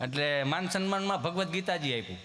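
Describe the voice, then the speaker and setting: Bright-voiced Kathiawadi stand-up comedian. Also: male voice, fairly high pitch, lively intonation, fast. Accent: Kathiawadi Gujarati. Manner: folksy, anecdotal, chuckling as he talks. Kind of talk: folk stand-up storytelling.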